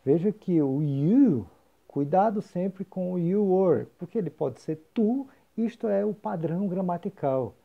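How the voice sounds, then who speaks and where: A man's voice: high-pitched, animated, a little slow, vocal fry. A man teaching English grammar, explaining patiently and repeating example phrases. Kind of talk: recorded grammar lesson. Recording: dull lo-fi recording.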